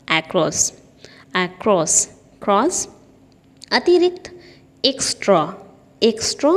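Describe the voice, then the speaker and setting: A woman's voice: a little high, a little mellow. A woman teaching English vocabulary and repeating each word in a drill. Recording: long hall reverb.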